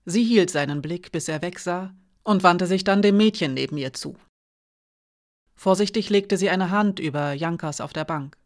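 A woman narrating an audiobook in a measured, expressive reading. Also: lowish voice.

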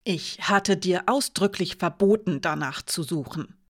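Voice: mid-range voice, expressive, unhurried, close to an everyday voice. A reader playing a cold, commanding woman officer. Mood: menacing. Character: stern female commander, cold and menacing. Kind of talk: audiobook character voice.

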